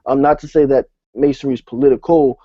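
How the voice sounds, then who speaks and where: A man from New Jersey co-hosting a panel discussion, animated and full of fillers and restarts. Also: medium pitch, fast talker, creaky, no echo. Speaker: podcast co-host. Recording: dull, lo-fi audio.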